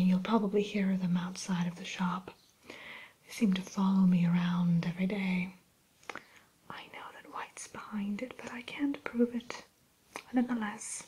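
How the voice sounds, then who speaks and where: A woman playing a haughty evil fairy-tale queen turned shopkeeper in a breathy ASMR whisper, speaking in a genteel, unhurried way. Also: mid-range voice, flat delivery, a little mellow, low-quality recording. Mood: genteel, musing. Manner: genteel, aloof, unhurried, hesitant pauses.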